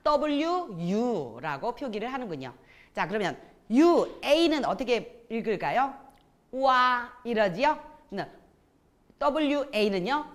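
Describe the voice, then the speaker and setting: Lively woman teaching pronunciation drills. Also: fairly high pitch, a little slow. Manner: calls out drills with cues to repeat. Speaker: Chinese language teacher. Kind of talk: lesson on Chinese pronunciation.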